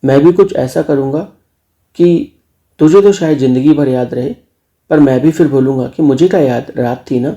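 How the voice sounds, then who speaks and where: Male narrator as a bossy teasing uncle, low and dark in tone. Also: moderate pace, highs cut off, close to an everyday voice. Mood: scolding. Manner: teasing, scolding.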